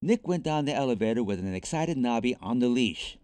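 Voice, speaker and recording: A man reading a children's storybook aloud, expressive and animated. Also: medium pitch, fairly quick, dry recording. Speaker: narrator.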